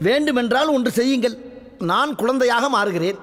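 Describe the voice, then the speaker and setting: A clever, sly minister who flatters and pleads with mock earnestness. His high voice carries a long hall echo from the film soundtrack. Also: fairly quick. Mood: sly earnest.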